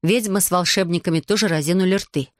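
A woman reading a fantasy audiobook in an even storytelling manner. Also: lowish voice, quick pace, dry recording, clean studio sound. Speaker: audiobook narrator. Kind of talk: scripted fantasy audiobook narration.

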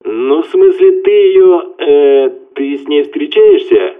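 A brash, rowdy male buddy bellows down a tinny phone line, as a male narrator puts him on. His lively voice swings up and down with blunt, slangy bluster. He sits a little higher than the storyteller's own tone. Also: slow pace, clear, resonant tone. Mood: rowdy, chatty.

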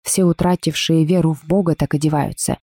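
A woman's voice: sits low, fairly even intonation, a little fast, dark tone, no room sound. A woman voicing a zealous village woman who accuses and gloats, in a preachy, accusing manner.

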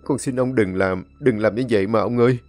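A man's voice: fairly low pitch, a little fast, a little mellow, soft background music, close to an everyday voice. A man voicing a grieving young man who pleads tearfully with his elder in a told story. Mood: tearful pleading.

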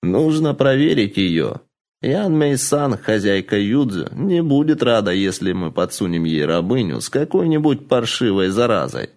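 Cold, scheming old madam, put on by a man, gravelly, commanding, audiobook. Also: on the low side, big pitch swings, moderate pace, darkish tone. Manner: cold, commanding, clipped orders. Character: harsh, scheming old woman brothel keeper. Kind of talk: audiobook character voice.

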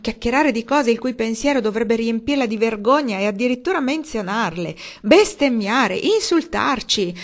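A woman reading aloud, voicing a gruff, angry old uncle who grumbles loudly and indignantly. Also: medium pitch, sing-song, normal speed.

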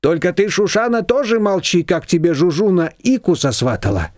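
A man's voice: high-pitched, lively intonation, darkish tone, no echo, clean studio sound, pitched above the performer's own voice. A man reading an audiobook voicing a gossipy, bargaining female confectioner. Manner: bargaining, chatty, drawn-out. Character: haggling middle-aged female confectioner, gossipy and sly.

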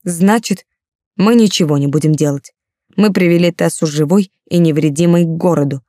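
A woman reading the lines of a clever, grim male warrior in a firm, measured voice. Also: on the low side, mellow, no room sound, clean studio sound, natural voice.

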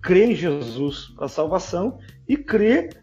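Guy with a soft warm slightly high voice co-hosting a church podcast, earnest, quoting verses. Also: sing-song, slow pace, soft background music. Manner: earnest, cites scripture references. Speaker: podcast co-host. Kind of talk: casual theological discussion. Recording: slightly dull lo-fi audio.

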